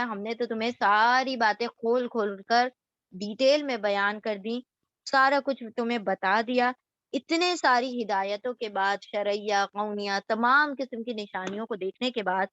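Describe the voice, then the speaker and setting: A woman's voice: a little high, fairly bright tone, no echo, highs cut off. A woman giving a Quran lesson word by word, repeating each gloss and asking questions as she explains.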